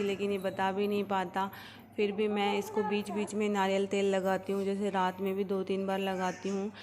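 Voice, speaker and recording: A woman speaks in a calm, level voice that barely rises or falls, explaining her baby's daily routine with gentle pauses and little fillers. The room rings with a long, lingering reverb. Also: medium pitch, background noise. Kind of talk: casual home vlog narration. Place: indoors at home.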